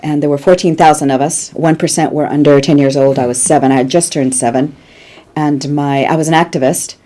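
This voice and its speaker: A Cuban-born woman in her sixties, a guest producer telling animated stories in an interview and laughing easily. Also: low voice, fairly quick. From Cuba. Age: 60s. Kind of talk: conversational interview storytelling.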